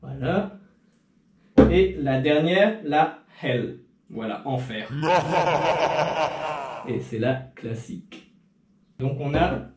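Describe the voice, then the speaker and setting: A man's voice: fairly high pitch, darkish tone. A young man chatting casually to camera in a tasting vlog, rambling with fillers and restarts. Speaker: video creator. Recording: echoey room.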